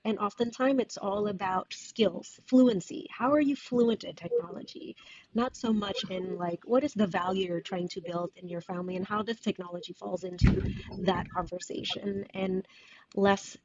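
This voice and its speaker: A woman, a guest in an interview who talks thoughtfully, pausing and restarting as she searches for words. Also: mid-range voice, noisy background. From Indonesia. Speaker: guest author. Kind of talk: casual interview conversation. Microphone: video call. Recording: dull dry video call audio.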